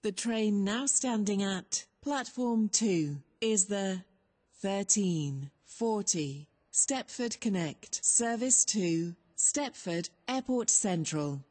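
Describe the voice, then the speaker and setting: Slow, breathy woman on a station PA loudspeaker. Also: mid-range voice, expressive. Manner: measured, formal, evenly paced. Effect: train station PA loudspeaker announcement. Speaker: station announcer. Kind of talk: recorded automated announcements.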